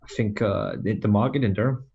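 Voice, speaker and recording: Quick slangy young male co-host, lowish voice, video call. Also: a little mellow, dull audio. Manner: laid-back, slangy, says bro and dude. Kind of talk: casual chat.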